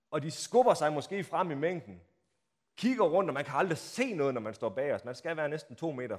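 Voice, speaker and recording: Lively, animated male preacher. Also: mid-range voice. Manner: dramatic storytelling, acts out crowd shouts; rhetorical questions, swings from hushed to loud. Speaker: pastor. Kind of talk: Palm Sunday sermon.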